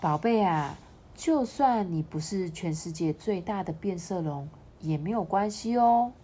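A woman voicing a gentle mother chameleon in a picture book, speaking softly and soothingly. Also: lowish voice, expressive, a little slow. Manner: soft and soothing.

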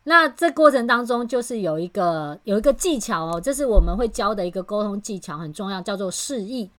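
A woman hosts a podcast as a communication trainer. She talks in easy, casual chat, explaining her points patiently and bringing her stories to life with animated retelling. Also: medium pitch, brisk.

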